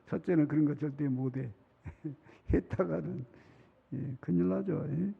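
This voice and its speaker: A middle-aged pastor speaks slowly in a gravelly, slightly rough voice on the high side, preaching a chatty sermon full of laughter and mimicked children's pleas. It's recorded in a large, reverberant church sanctuary with muffled sound.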